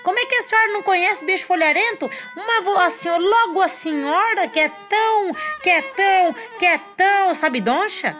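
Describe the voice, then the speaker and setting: A woman voicing a clever, cheeky male monkey in a children's story, wheedling with drawn-out, mock-respectful words. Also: very high-pitched, fairly bright tone, faint music behind, voice pushed up. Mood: teasing flattery.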